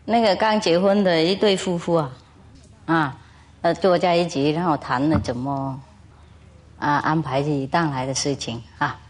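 A woman's voice: low voice, moderate pace. A woman spiritual teacher lecturing to an audience, telling jokes in a playful, teasing way and chuckling often.

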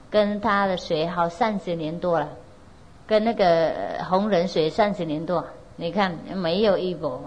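A woman's voice: mid-range voice, rough recording. A woman spiritual teacher telling a Zen story to an audience in a loose, conversational way, with many fillers, laughs, and direct questions to her listeners. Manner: asks listeners directly to check they follow.

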